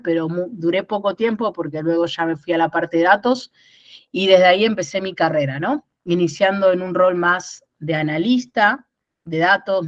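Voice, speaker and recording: A woman's voice: lowish voice, no echo. A woman from Rosario speaks with a Rosario Argentine accent as she leads an online workshop, explaining ideas step by step and checking in with her listeners. She sounds like she is in her thirties. The sound is dry and a little dull, as if recorded on a basic online call. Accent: Rosario Argentine Spanish. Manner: explanatory, repeats words and asks "¿no?". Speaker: workshop instructor.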